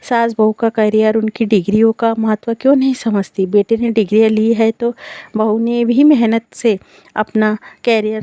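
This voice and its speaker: A woman narrating a scripted family story in the first person, in a calm, measured reading style. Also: a little high, dry recording.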